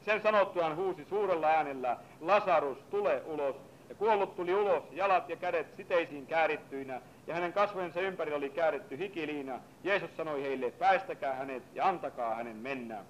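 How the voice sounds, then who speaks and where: A man preacher reading a scripture passage in a low, measured voice, then preaching with rising fervor. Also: muffled recording, a little hiss or hum.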